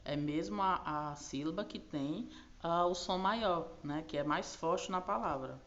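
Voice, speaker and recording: Patient low-voiced teacher, lo-fi sound. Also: female voice, fairly bright tone. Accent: Brazilian Portuguese. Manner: patient, slow over key words, frequent tag questions. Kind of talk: recorded class explanation. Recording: dull lo-fi recording.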